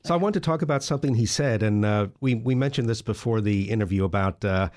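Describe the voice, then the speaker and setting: Brief: man with a lowish voice, interviewer, easygoing, hesitant phrasing. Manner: relaxed, hesitant, quick to laugh. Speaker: interviewer host. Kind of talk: interview questions.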